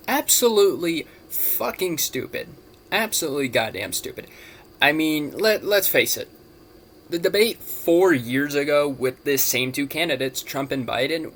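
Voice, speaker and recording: A man giving blunt, emphatic political commentary in an exasperated, somewhat halting way, like a vlogger talking to camera. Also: mid-range voice, fairly bright tone. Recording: noticeable background noise, home-recorded.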